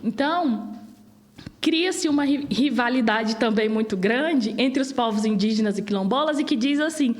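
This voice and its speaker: A woman's voice: fairly high pitch, moderate pace. A woman in her late twenties with a Brazilian Portuguese accent, a guest arguing her points passionately in an interview. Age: 20s. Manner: passionate, animated argument.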